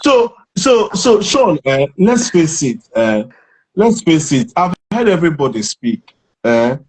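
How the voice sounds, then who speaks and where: A man with a Nigerian accent stepping in as moderator in a live debate, calming others and asking questions. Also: a little high, slow, breathy edge, low-quality recording.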